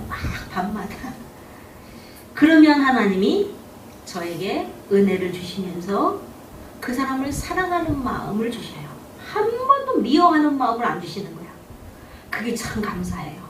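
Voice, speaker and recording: A woman pastor delivers a testimony-style sermon, her voice sitting a little high for a woman. She draws her listeners in with rhetorical questions. The recording is distant and roomy, with a faint hiss in the background. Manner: storytelling, asks rhetorical questions. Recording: echoey room, distant mic, faint background.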